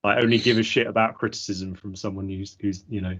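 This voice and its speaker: A man hosting a casual hobby podcast, relaxed and chatty. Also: lowish voice, fast. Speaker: podcast host. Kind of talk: casual chat. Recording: dull lo-fi audio.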